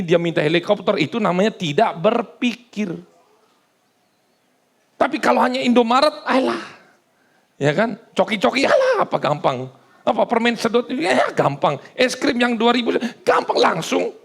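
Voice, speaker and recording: Male pastor, gravelly voice, loose conversational sermon full of jokes. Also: sits high, fairly bright tone. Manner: casual, joking, conversational preaching. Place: church service.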